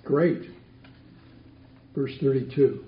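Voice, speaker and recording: A man's voice: medium pitch, drawn-out words. A man teaching a Bible study class, asking the group questions and repeating their answers back. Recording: roomy, dull lo-fi recording.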